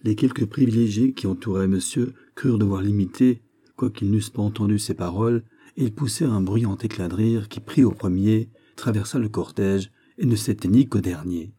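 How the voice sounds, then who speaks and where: A man narrating a classic novel as an audiobook, in a measured, literary reading. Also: on the low side, dark tone, husky.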